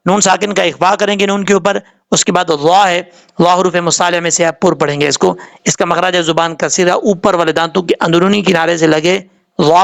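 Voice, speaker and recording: A man teaching Quran recitation. He spells out syllables slowly, explains quickly in between, and chants verses in a raised, drawn-out tone. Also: sits high, vocal fry, fairly bright tone. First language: Urdu. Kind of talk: Quran tajweed lesson.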